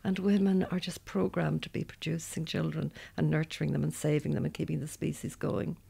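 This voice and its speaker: A woman's voice: sits low, level tone, a little fast, creaky, warm tone, husky. An outspoken Irish woman in her seventies, talking freely in a roundtable discussion. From Ireland. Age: 70s. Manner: outspoken, talkative. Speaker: roundtable guest. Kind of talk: casual discussion.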